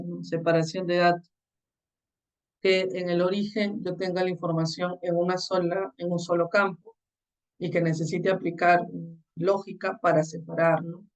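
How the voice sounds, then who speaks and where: Poor audio from a distant mic captures a course instructor's mid-range voice as the lecture goes through the slides step by step, with regular quick tag questions to check in.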